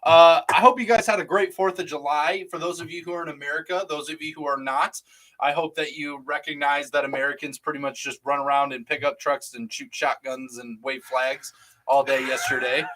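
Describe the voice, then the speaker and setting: A man's voice: fairly high pitch, fairly even intonation, brisk, pushed and bright, rough recording. A man co-hosting a live drinks show, teasing his partner and reading out viewer comments in casual banter. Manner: teasing, joking, reads viewer comments aloud. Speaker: co-host of a live rum show.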